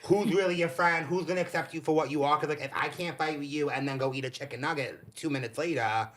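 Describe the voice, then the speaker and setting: A man's voice: fairly high pitch, fast, a bit bright. A man co-hosting a podcast who trades teasing, provocative banter in casual chat. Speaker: podcast co-host.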